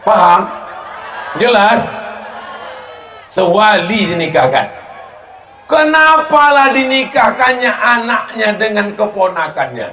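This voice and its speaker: A man's voice: on the high side, pushed and bright. A man preaching in a humorous, emphatic way, putting rhetorical questions to his listeners. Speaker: preacher answering audience questions. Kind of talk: humorous sermon with question and answer. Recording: echoey hall with background noise.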